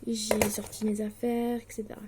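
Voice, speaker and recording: Amid background noise, a late-teen young woman from Switzerland vlogs about her distance-learning studies, her mid-range voice flat and at normal speed. Her casual chat to the camera is hesitant, filler-laden, anxious, and self-deprecating.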